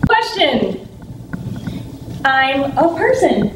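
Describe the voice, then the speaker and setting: A woman's voice: high voice, very animated, drawn-out words. Sassy woman performing on stage. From San Francisco, United States. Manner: sassy, effusive, comic. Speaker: actress. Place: theater stage. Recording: echoey room from far off, noisy.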